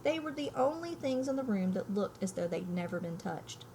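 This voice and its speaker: An elementary school teacher reads a storybook aloud to young children and explains it, speaking emphatically and thinking aloud. Her mid-range voice is animated and mellow, at a moderate pace. There is slight background noise.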